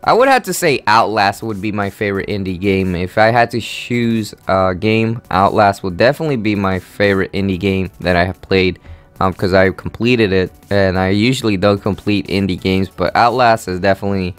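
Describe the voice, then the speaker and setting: A man's voice: on the low side, moderate pace, clean tone, soft background music. An eighteen-year-old man from Honduras hosting a casual Q&A vlog, rambling with lots of fillers and an easygoing manner. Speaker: gaming channel host.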